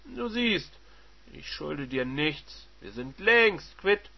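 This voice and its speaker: A man voicing a callous, contemptuous manager husband who sneers and provokes loudly, on a dull lo-fi recording. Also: high voice, unhurried, voice pushed up. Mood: sneering.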